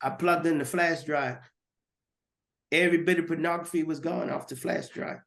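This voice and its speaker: A man's voice: a little high, fairly even intonation, normal speed, gravelly, fairly bright tone. A man giving a personal testimony as a guest, earnest and repeating words as he goes.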